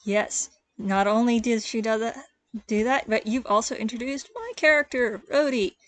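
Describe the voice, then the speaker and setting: A woman's voice: fairly high pitch, normal speed, a little hiss or hum. Woman game master narrating a scene. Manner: descriptive, relaxed storytelling with small restarts. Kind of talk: narrating a tabletop role-play.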